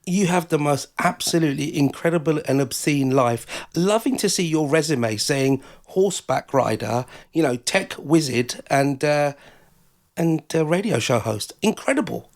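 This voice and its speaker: A man's voice: a little high, animated, moderate pace. A man co-hosting a radio show, bantering in a playful, wry, teasing way. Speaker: radio co-host.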